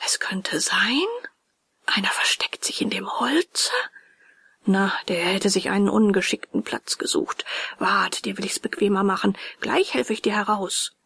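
A woman voicing a timid old male carpenter who stammers and mutters to himself in a breathy, half-whispered voice. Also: medium pitch, unhurried, bright, forceful tone, no echo, full character voice. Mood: frightened muttering.

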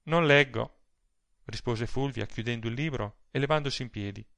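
A man reading a novel aloud as narrator in a measured, even storytelling manner. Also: medium pitch, vocal fry, dry recording. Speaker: audiobook narrator. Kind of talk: scripted narration.

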